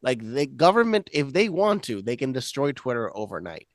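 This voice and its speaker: Insistent, fast-arguing man. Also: mid-range voice, sing-song, no echo. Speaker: podcast guest. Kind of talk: casual chat.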